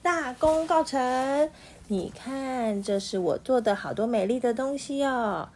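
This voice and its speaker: A woman voicing an excitable male magician in a children's storybook, exclaiming with pride. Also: medium pitch, measured pace, slight background noise. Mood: jubilant. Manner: exclaiming, bright and sing-song. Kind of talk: storybook read-aloud.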